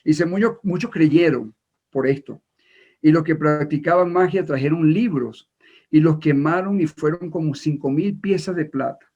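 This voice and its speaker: An Ecuadorian man preaching a sermon in a halting way, with many repeated words and fillers. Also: fairly high pitch, darkish tone. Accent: Ecuadorian Spanish. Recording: dull lo-fi recording.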